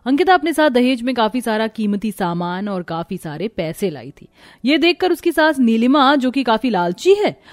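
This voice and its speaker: Narrating a scripted family story, a woman speaks in a fairly high voice at normal speed and with great animation. The recording is dry, carrying almost no room sound.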